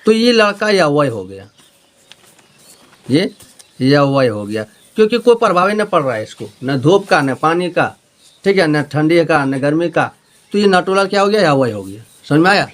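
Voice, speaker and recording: Man, Jharkhand accent, grammar teacher, repetitive classroom explaining, slightly high voice. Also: big pitch swings, normal speed. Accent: Jharkhand Hindi. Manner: repetitive, explaining with homely examples and checking questions. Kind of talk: Hindi grammar lesson.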